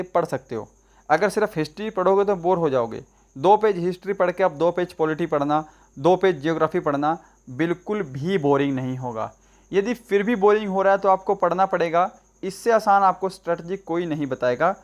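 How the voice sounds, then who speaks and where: A young man teaching a study-strategy lesson, talking directly to viewers and often checking in with rhetorical questions. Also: high voice. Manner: direct, coaxing, addresses viewers as brother. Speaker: exam prep teacher.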